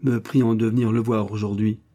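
A man's voice: fairly low pitch, little pitch movement, moderate pace, dark tone, natural voice. A man voicing a resentful, grumbling police chief who answers his superior deferentially in a storybook reading.

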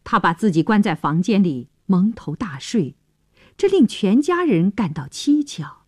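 Expressive husky-voiced female storyteller. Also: mid-range voice, a little slow, no echo, clean studio sound. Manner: expressive, dramatic narration. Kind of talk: radio storytelling. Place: studio.

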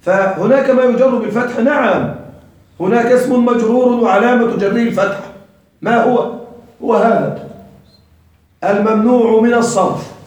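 Guy teaching grammar, keeps quizzing the class, high voice, far off in a really echoey room. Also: normal speed, long pauses, darkish tone. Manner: asks students questions and repeats answers.

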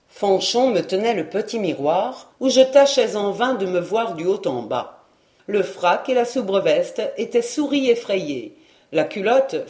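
A woman narrating a classic novel as an audiobook in a measured, expressive reading. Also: mid-range voice, reverberant.

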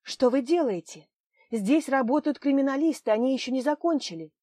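A woman's voice: a little high, moderate pace, darkish tone, no echo, voice pushed up, natural voice. A woman reading a determined female studio owner, her lines urgent and indignant.

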